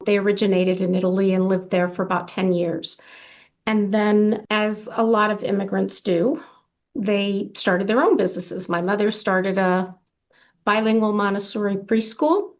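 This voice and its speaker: A woman's voice: mid-range voice, fairly even intonation, moderate pace. Thoughtful woman in her sixties. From Argentina. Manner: thoughtful, conversational, with fillers. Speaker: architect and firm founder. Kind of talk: casual interview.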